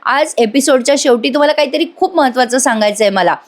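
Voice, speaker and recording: A woman's voice: sits high, fast. A woman doing a chatty voice-over review of a TV serial, speaking directly to viewers.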